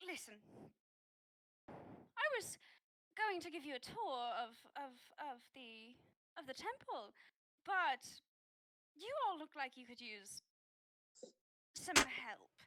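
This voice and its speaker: A woman voicing a graceful, slightly unsettling bird-like high priestess who speaks formally and politely. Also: sing-song, pushed and bright, full character voice. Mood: courteous. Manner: formal, polite, halting in-character speech.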